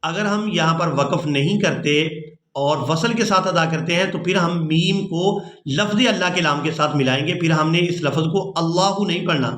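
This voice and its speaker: A male recitation teacher walks through each rule patiently and repeats it so learners can follow. His voice sits high and bright, and he speaks at an unhurried pace. The recording has a roomy echo around it. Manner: patient, explains rules repeatedly. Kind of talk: step-by-step recitation lesson.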